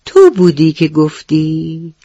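Woman playing a bossy lion king, stern questions, flat dull radio sound. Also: deep voice, dry recording. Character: big commanding lion, stern king of the jungle.

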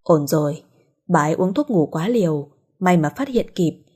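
A woman voicing a kindly middle-aged doctor giving calm advice. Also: lowish voice, moderate pace, breathy edge. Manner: calm, advising.

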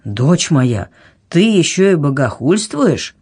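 A woman voicing a touchy, pompous king who shouts in offence. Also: low voice, sing-song, takes it slowly, husky, heavily acted. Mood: angry. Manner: angry, offended exclamations. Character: irritable older male king, pompous and touchy.

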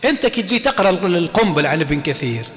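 A man giving an informal recitation lesson, chanting quoted readings slowly and answering students. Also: sits high, very animated, faint music behind. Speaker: teacher of Quran recitation. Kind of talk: classroom lesson explaining recitation. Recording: long hall reverb.

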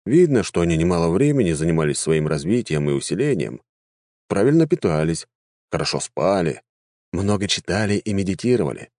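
A male audiobook narrator tells a fantasy story with a wry, lively touch. His voice is deep and low. The recording is dry and close, with no room echo. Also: fairly quick.

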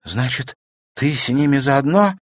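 A man's voice: mid-range voice, unhurried, dry recording, studio quality, voice pushed up, lightly acted. A man voicing an indignant, frightened teenage girl in a storybook reading. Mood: protesting. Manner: heated, protesting.

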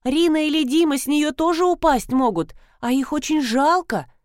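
A woman's voice: sits high, lively intonation, normal speed, no room sound, clean studio sound, voice pushed up. A woman reading an audiobook, voicing an earnest middle-aged housekeeper explaining a plan plainly.

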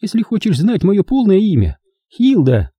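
A man's voice: high-pitched, wildly swooping pitch, normal speed, dark tone, husky, no room sound, dull audio, pitched above the performer's own voice, heavily acted. A man voicing a prim, prickly young woman secretary who speaks sharply and indignantly in an audiobook reading. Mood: flustered.

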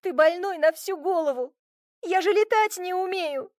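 A woman voicing a hot-tempered young witch who shouts and curses indignantly in an audiobook. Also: very high voice, moderate pace, no echo, clean studio sound, voice pushed up. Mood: furious. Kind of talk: audiobook reading.

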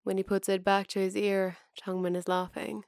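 A woman narrating a fan fiction story aloud in a steady, even way. Her voice is mid-pitched with a gravelly, creaky texture. It is recorded close and dry, with no room echo. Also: normal speed.

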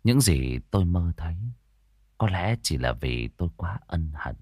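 A man narrating a first-person horror story in an expressive, dramatic way. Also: deep voice, measured pace, dry recording, clean studio sound.

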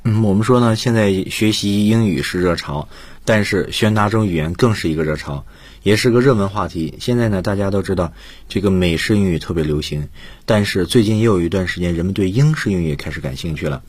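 A man's voice: low voice, brisk, slightly rough, no room sound. A man teaching English on a radio lesson, patiently explaining words and grammar in his own language with English examples. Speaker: English teacher and guest lecturer. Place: radio studio.

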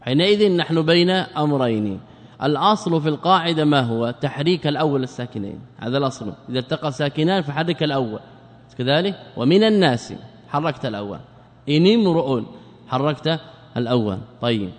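A man teaching a grammar lesson, quizzing his students and repeating key words slowly. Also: fairly high pitch, expressive. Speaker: Islamic scholar teaching a class. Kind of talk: classroom lesson with questions to students. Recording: long hall reverb.

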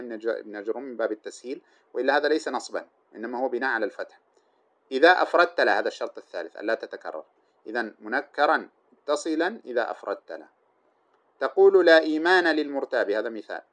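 A man's voice: medium pitch, a bit bright. A man teaching an Arabic grammar lesson, explaining step by step, repeating his examples and putting questions to his listeners before answering them himself.

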